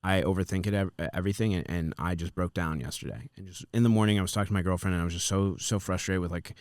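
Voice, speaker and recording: Fast-talking, rambling young man. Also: sits low, a little mellow, no room sound, clean studio sound. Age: 20s. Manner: rambling, full of "like" and swearing. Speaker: podcast host. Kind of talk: casual podcast chat.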